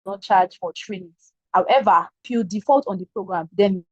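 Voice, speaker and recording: A woman's voice: mid-range voice, moderate pace, a little mellow, slightly rough, no room sound, muffled recording. A woman presenting an info session over a video call, her audio glitching and cutting in and out as she talks firmly and checks in with "right?". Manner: firm, repeats "right?" as a check. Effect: glitchy online call audio, cutting in and out. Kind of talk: explaining program rules to applicants.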